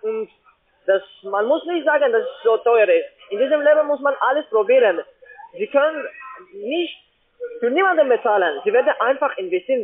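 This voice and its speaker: Over a muffled, narrow phone line, a man who isn't a native German speaker and has a foreign accent pushes a sales pitch as a call-centre caller. He is insistent, halting, and keeps repeating himself.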